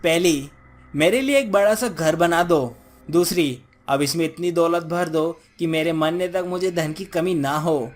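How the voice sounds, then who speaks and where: A man's voice: a little high, measured pace, natural voice. A man voicing a poor, weary village husband who speaks firmly. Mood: demanding.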